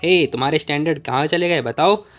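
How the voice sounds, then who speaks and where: A man's voice: fairly high pitch, brisk, a bit bright, soft background music, lightly acted. A man voicing a stubborn, sulking young man who grumbles curtly in a storybook recap. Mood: sulky. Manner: curt, grumbling complaints.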